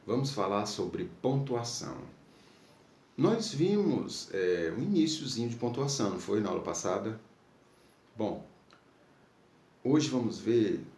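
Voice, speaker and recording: A man's voice: medium pitch, dark tone. A man from Brazil teaching a recorded school lesson, patiently checking in with his pupils. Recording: echoey room, faint background noise.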